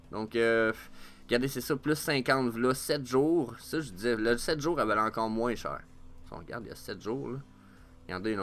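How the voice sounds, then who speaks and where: A vlogger with a Quebec French accent gives casual market commentary, excitable and swearing freely, with plenty of fillers. His voice is fairly low.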